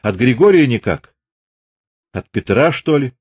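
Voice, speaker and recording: A man's voice: medium pitch, sing-song, a little slow, a little mellow, dry recording, dull audio, pitched above the performer's own voice. A man voicing a stern, impatient old Cossack father who barks out short, tense demands. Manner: gruff, barking, tense.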